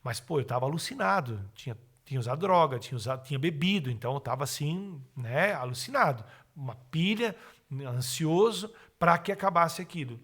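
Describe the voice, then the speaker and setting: A man's voice: a little high, fairly quick, husky. A middle-aged man, telling his personal testimony as a podcast guest and acting out the words of the people in it. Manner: animated, acts out his own and others' words.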